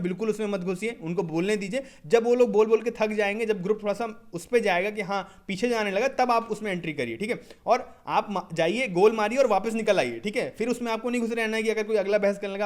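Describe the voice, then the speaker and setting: A young man teaching candidates in a casual lesson on a basic microphone, saying "ठीक है?" after nearly every phrase and reading English headings slowly before he explains them. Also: high voice. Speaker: SSB coaching presenter.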